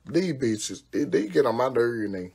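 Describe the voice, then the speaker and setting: A woman's voice: rumbling low, very animated, normal speed, gravelly, mellow, husky. A woman on a phone livestream at home, talking casually and cursing freely while she does her own nails. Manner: brash, profane, exclamatory, frequent cursing. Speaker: social media personality.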